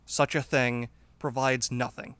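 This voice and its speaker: A man's voice: medium pitch, level tone, measured pace, fairly bright tone, smooth, dry recording, close to an everyday voice. A man playing a humble but resolute wandering warrior in a tabletop game, speaking formally and earnestly. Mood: firm, reasoning.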